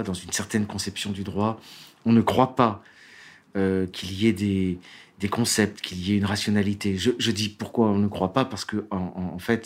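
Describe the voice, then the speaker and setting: A man with a somewhat low voice gives a spoken law lecture. He pauses often, fills gaps with hesitations and restarts his sentences, then reads passages aloud with more lift. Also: breathy edge. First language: French. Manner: hesitant, many fillers and restarts. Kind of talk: lecture with read-out quotes.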